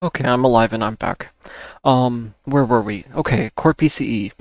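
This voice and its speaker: Speaking at a moderate pace with a medium-pitched voice, the host of a stock market analysis channel walks through an informal market rundown, going over key points more than once. His voice is wearing out, with occasional coughs, and there is no room sound.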